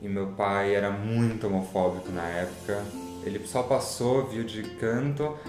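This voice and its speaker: Man in his 20s, low voice, echoey room, guitar music behind. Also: moderate pace. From São Paulo, Brazil. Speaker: interviewee. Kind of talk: personal testimony.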